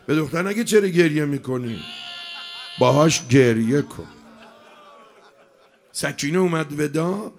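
A man preaching a mourning sermon, emotional, swinging between loud cries and hushed lines. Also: fairly high pitch, expressive, long pauses, faint music behind.

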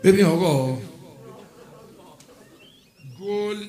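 A man preacher delivering a mourning sermon, swinging between chatty asides and shouted, sung lament. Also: high voice. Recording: echoey hall with faint music.

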